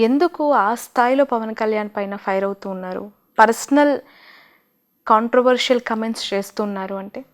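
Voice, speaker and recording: A woman interviewer asking persistent questions and pressing her point. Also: a little high.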